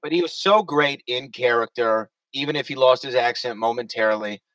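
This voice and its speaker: A man co-hosts a casual online chat in a mid-pitched, easygoing voice. He talks in an upbeat, chatty way. The sound is dry and picked up from slightly away from the mic. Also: a little fast, a bit bright, no room sound, distant mic, poor audio. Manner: chatty, upbeat, introduces guests. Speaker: co-host.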